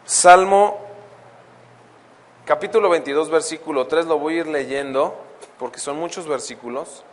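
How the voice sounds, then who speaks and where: A man teaching a Bible lesson as a preacher. He reads verses slowly and keeps asking the congregation questions. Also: fairly high pitch. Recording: long hall reverb.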